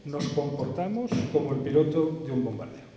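Man, lecturer, seminar talk, rhetorical and measured, hesitant pauses, long hall echo. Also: on the high side, animated, background noise. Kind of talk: philosophical lecture. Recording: echoey hall, distant reverb.

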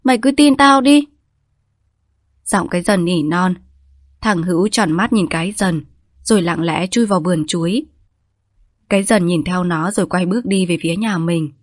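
A woman reading a story aloud as a calm, measured storyteller. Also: lowish voice, dry recording, clean studio sound. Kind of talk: scripted narration of a story.

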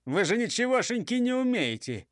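A man's voice: very high voice, very animated, moderate pace, no echo, clean studio sound, voice pushed up. A man doing a bossy boastful robber chief. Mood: mocking. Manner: scolding, mocking. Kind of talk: audiobook character voice.

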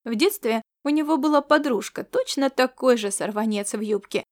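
A woman giving a steady, expressive scripted audiobook narration. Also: on the high side, moderate pace.

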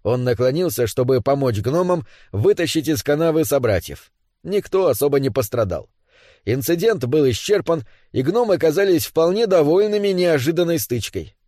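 A man narrating a storybook in an expressive, measured manner. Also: fairly high pitch, no room sound, studio quality. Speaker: audiobook narrator.

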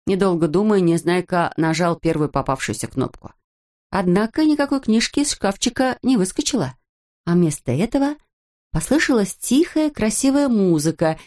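A woman narrating a children's audiobook in an expressive, measured storytelling manner. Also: mid-range voice.

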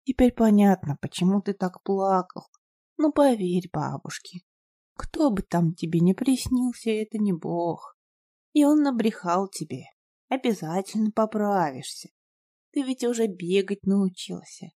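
Lady doing a sweet old granny, soft tender voice, mellow, storybook. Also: medium pitch, expressive, measured pace, dry recording, clean studio sound. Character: gentle loving old grandmother.

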